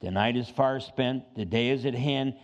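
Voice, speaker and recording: A man in his seventies preaching a sermon in church as pastor, animated, rising high for emphasis, with joking asides. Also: normal speed. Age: 70s.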